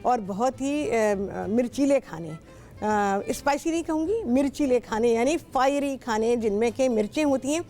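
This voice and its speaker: A woman's voice: on the high side, lively intonation, moderate pace, warm tone, soft background music. A middle-aged woman with a Pakistani Urdu accent, hosting a television cooking show and chatting with callers in a talkative, instructive way. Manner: talkative, instructive, repeats herself often. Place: television studio.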